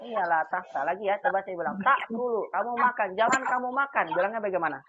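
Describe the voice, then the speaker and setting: A man's voice: sits high, fast talker, crowd noise. Man teaching over a tinny video call. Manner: patient, drills phrases with rising emphatic intonation. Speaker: Arabic teacher. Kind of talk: online Arabic grammar lesson. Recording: tinny phone-like call audio.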